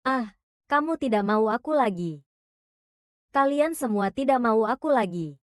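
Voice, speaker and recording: A woman's voice: on the high side, expressive, a little slow, no echo, clean studio sound. A woman voicing a drunk, clingy young woman in a dubbed drama, slurring and pleading.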